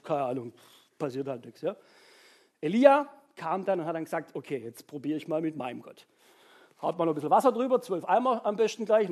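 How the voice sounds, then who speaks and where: A preacher retells a Bible story in a chatty sermon and keeps asking "ja?" to check in with listeners. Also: medium pitch. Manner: chatty, tags nearly every sentence with a questioning "ja?"; animated storytelling with sound-effect sighs.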